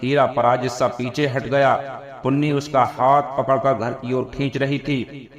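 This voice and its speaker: A man narrating a classic novel as an audiobook, with steady dramatic storytelling. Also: mid-range voice, measured pace. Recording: dull lo-fi with crowd noise.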